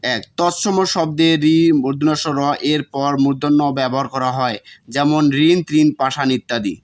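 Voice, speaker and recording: A man's voice: medium pitch, moderate pace. A man teaching, reading out exam notes and repeating example words to show their pronunciation.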